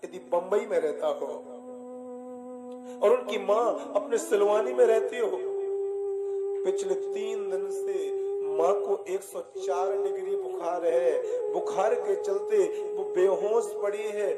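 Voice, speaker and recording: A man preacher telling an emotional devotional story, addressing his listeners warmly. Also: high voice, expressive, slow. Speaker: religious preacher. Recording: echoey hall with music behind.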